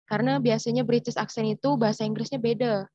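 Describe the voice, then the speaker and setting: A woman's voice: on the high side, fairly even intonation, quick pace, warm tone, no echo, dull audio. A young woman from Indonesia answering questions in an online writing class, explaining with lots of fillers and restarts. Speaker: writing workshop mentor. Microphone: video call.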